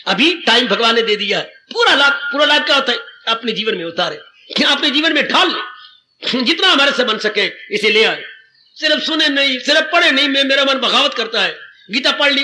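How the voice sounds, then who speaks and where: A man's voice: very high voice, bright, forceful tone, a little hiss or hum. An older man giving a devotional sermon on scripture. He repeats phrases for emphasis, recites couplets and calls his listeners children. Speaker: spiritual teacher.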